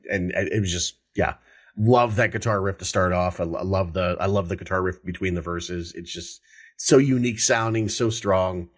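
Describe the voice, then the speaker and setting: A man with a very deep voice co-hosting a casual album review chat. He talks excitedly, swears casually and tends to repeat words as he goes. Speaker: podcast co-host.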